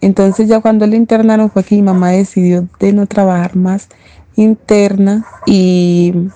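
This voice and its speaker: A woman from Medellín with a Paisa Colombian accent, recalling her childhood in an unhurried, reflective personal testimony. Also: mid-range voice, flat delivery, mellow. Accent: Paisa Colombian Spanish. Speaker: interviewee, daughter of a domestic worker.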